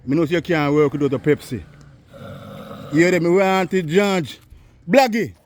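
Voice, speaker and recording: A Jamaican vlogger interviewing a local on the street has a slightly high voice at normal speed, with a little background noise. He chats in repetitive patois banter and calls out to someone at a distance.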